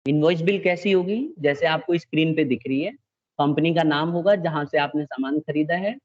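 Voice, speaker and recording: A male teacher with a voice slightly high for a man lectures a class at a moderate pace, patiently going step by step and mixing in English terms. He often stops to check the students are following, and the recording is dull and lo-fi.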